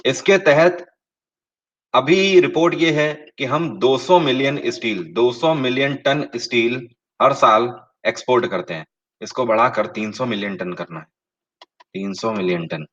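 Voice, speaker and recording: A male teacher runs a live online quiz, slowing down to read each question and then talking straight to his students with pointed emphasis. His voice sits at a middle pitch, and the audio is a touch dull and lo-fi. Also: fairly bright tone. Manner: reads questions in English slowly, explains in Hindi with rising emphasis; addresses live viewers directly, asks and confirms answers. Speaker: online exam-prep teacher.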